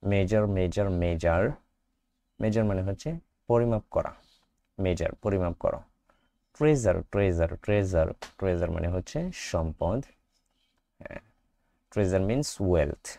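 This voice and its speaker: A man with a Bangladeshi Bengali accent teaching a primary school English lesson, asking questions and answering them himself, drawing out English phrases slowly and repeating sounds for practice. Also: low voice, creaky, dark tone. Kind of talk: class five English lesson explained in Bengali.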